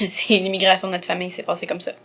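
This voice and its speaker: Soft-spoken young Quebec French woman. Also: fairly low pitch, completely flat delivery, fast talker. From Montreal. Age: 20s. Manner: soft-spoken, many fillers, trails off quietly. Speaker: interview guest.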